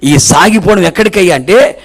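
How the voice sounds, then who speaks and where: A man preaching a fervent sermon in a very high voice. He hammers his points through repetition and calls on the congregation to answer. His delivery swings from ringing high exclamations down to low, quiet asides. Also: expressive, moderate pace, husky. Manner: emphatic preaching, repeating phrases and calling on the congregation to answer. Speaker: pastor. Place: church service.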